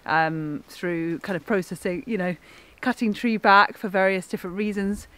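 A young woman hosting a farm vlog, talking in a relaxed, thoughtful way with plenty of fillers, filmed outdoors and in a goat shed. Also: medium pitch, moderate pace. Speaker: farmer and vlog host.

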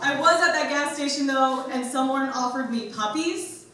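A young adult woman doing a stand-up comedy set, with a deadpan, awkward, self-deprecating delivery. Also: high-pitched, moderate pace. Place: large university hall with live audience. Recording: echoey hall, mic from far, noisy.

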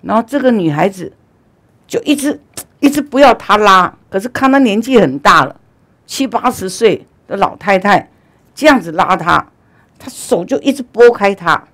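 A woman Buddhist teacher giving a dharma talk, telling stories animatedly, with loud urging and quiet asides. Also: mid-range voice, animated, moderate pace.

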